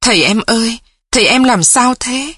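A woman's voice: on the high side, lively intonation, moderate pace, a bit bright, husky, dry recording, clean studio sound. A woman voicing a pretty young village wife with a sweet, falsely tearful voice. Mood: wailing. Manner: sweet wailing calls.

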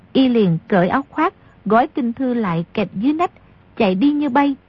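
A woman reading scripted narration as an audiobook narrator, telling the story at a steady pace, in a slightly dull recording. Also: a little high, slightly rough, no room sound.

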